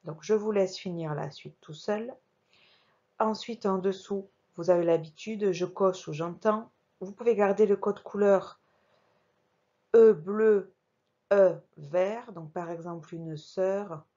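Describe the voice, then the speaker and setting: A woman teacher giving a slow, careful reading lesson to young children, spelling out each sound while working on screen. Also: mid-range voice, darkish tone, muffled recording. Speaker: primary school teacher.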